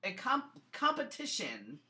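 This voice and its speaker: A woman's voice: fairly high pitch, huge pitch swings, a little slow, very noisy. A woman who performs as a drag king, co-hosting and giving blunt, opinionated takes with casual swearing. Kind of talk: casual chat.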